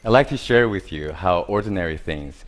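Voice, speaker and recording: A man's voice: deep voice, animated, normal speed. A man from Taiwan, giving a prepared stage talk about his art in simple, listing phrases with grammar.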